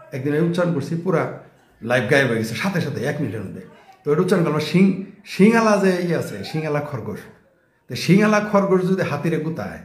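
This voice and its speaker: Sarcastic man ranting in an echoey room. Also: on the high side. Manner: sarcastic, mocking, rhetorical questions. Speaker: political commentator. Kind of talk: casual ranting political monologue.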